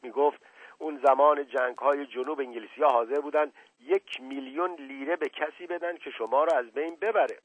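A man reads as a middle-aged father whose voice is raised and pitched above the narration, pressing his words with earnest excitement. His voice is husky, and the sound is thin and boxed in, as on an old radio broadcast. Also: dry recording. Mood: stirred, earnest. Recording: narrow-band radio broadcast.

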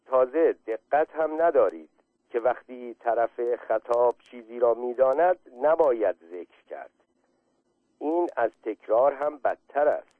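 A man's voice: mid-range voice, dry recording, close to an everyday voice. A man reading aloud and voicing Jafar, a fussy, lecturing male creature who whines and scolds, over a thin, phone-like line. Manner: pedantic, lecturing and whining. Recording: tinny phone-like line, dry.

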